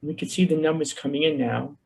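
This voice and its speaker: A man with a Bronx accent giving an earnest, fast-paced webinar talk as a social worker over a video call. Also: fairly high pitch, steady tone, creaky, darkish tone, low-quality recording. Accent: New York Bronx.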